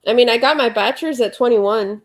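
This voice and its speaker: The voice is on the high side and fairly quick. It comes from a sniffling, congested livestream host in her forties who chats casually at home, reading viewer comments and rambling along with many fillers.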